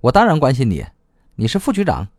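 A man's voice: mid-range voice, wildly swooping pitch, quick pace, a little mellow, no room sound, clean studio sound, voice pushed up. A man voicing a blunt, hot-tempered young woman in an audiobook, scolding and swearing. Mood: gruff teasing. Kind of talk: audiobook reading.

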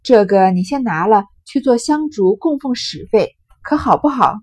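A woman reading aloud and voicing a resentful, scheming middle-aged concubine who urgently pleads and persuades, in a husky voice. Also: a little high, animated, moderate pace, darkish tone, no echo.

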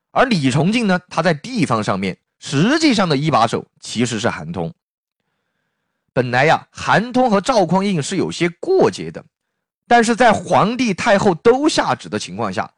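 A man's voice: on the high side, no echo, studio quality. A man telling a history story in a dramatic, folksy storytelling manner. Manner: lively, dramatic, with drawn-out folksy particles.

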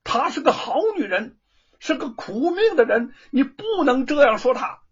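A husky-voiced man voicing a blunt, lovesick swordsman who halts and pleads in a storytelling performance. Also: high voice, wildly swooping pitch, voice pushed up, full character voice. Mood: earnest. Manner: pained, halting, earnest. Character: blunt, lovesick big-brother swordsman, troubled. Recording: dull lo-fi recording.

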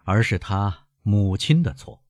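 A man's voice: lowish voice, lively intonation, measured pace, a little mellow, dry recording, clean studio sound. A man reading an audiobook, voicing a suave male count who talks in a courteous, probing way.

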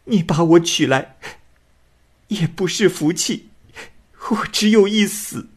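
A man's voice: high-pitched, slow pace, breathy edge, voice pushed up, exaggerated voice. A man voicing a distraught young woman who was forced into marriage, tearful and defiant.

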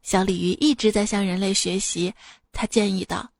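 A woman hosting a joke show, reading out short jokes at an unhurried pace and chuckling at her own punchlines. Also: medium pitch, fairly even intonation, no echo, clean studio sound. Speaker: radio joke-show host.

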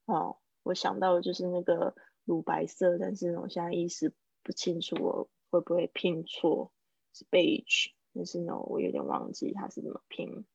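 A woman runs a live online English class in a low, gravelly voice, patiently breaking each phrase down and repeating it slowly. The sound is dull and lo-fi, with a dry, close computer-mic feel and no room echo. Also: expressive, a little mellow. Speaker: English teacher. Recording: dull lo-fi dry stream audio.

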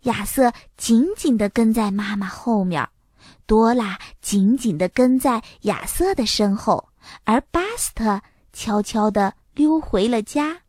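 A woman reads a children's story aloud with clear, expressive narration. Her voice sits fairly high, and the recording is close and completely dry. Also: a little slow, no echo.

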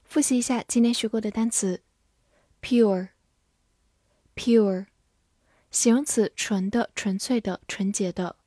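Slow, dry-voiced woman teaching vocabulary. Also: medium pitch, steady tone, warm tone, no echo. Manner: spells words letter by letter, reads example sentences slowly. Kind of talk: scripted vocabulary lesson.

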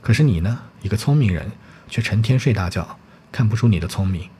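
A chatty, blunt peasant maidservant who scolds and teases , read out by a man in his own voice. The voice stays low and plain, with only a faint hiss of room ambience behind it. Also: animated, fairly quick, warm tone, natural voice. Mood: chiding. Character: talkative peasant maidservant woman, blunt and teasing.

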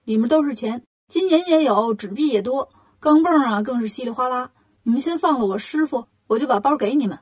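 Woman voicing a cheeky clever monkey king, high, breathy, brisk, storybook. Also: expressive, a little mellow. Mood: cocky. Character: cocky clever monkey king disguised as boy.

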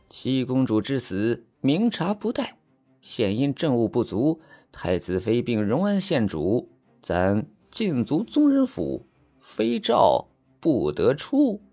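A smug young palace eunuch, put on by an audiobook narrator, drawling each word slowly and pompously. The voice sits far lower than the narrator's own and sounds set apart from her. Faint music plays underneath. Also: warm tone, full character voice. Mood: formal proclaiming.

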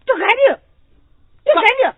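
A woman's voice: normal speed, dry recording, lightly acted. A woman playing a silly, lovestruck young village girl in a folk comedy skit, stammering and wheedling. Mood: pestering. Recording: tinny lo-fi phone-like sound.

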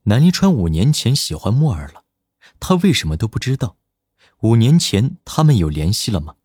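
Brief: male audiobook narrator, low, steady, dry close mic. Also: moderate pace, breathy edge, no echo.

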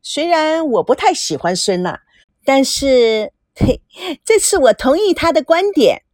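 A mischievous younger sister, voiced by a woman reader, speaks high and bouncy with a cheeky, mocking edge. The reading is close and dry. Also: big pitch swings, measured pace, darkish tone, no room sound.

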